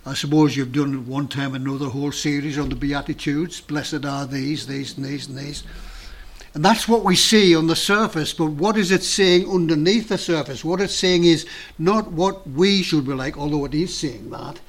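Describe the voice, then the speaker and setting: Guy preaching, earnest and emphatic, slightly high voice, pauses for effect. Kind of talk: sermon.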